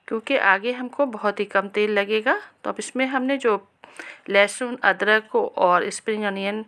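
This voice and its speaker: Calm woman narrating a recipe. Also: medium pitch. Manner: calm, instructive, addresses viewers directly. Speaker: cooking channel host. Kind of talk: step-by-step recipe voice-over.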